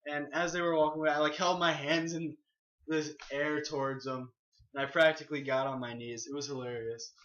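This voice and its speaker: A man's voice: a little high, steady tone, a little fast, fairly bright tone, muffled recording. A man co-hosting a casual podcast, telling a story hesitantly with many ums and restarts. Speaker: podcast co-host.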